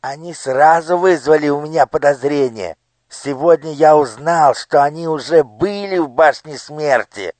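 A man voicing a cruel male minister with a squeaky, shrill voice in an audiobook. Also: unhurried, no room sound, natural voice. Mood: furious. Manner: menacing, shouting threats. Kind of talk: audiobook character voice.

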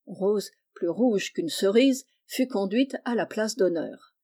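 A woman reading a classic children's novel aloud, narrating calmly and lifting her voice for the children's lines. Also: mid-range voice, slow, husky. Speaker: audiobook reader. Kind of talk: storybook narration.

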